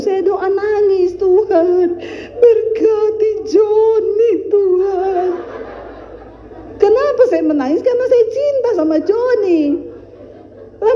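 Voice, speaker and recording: A woman preaching a sermon as a pastor, animated and humorous, acting out dialogues with her congregation. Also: very high-pitched, muffled recording, a little hiss or hum.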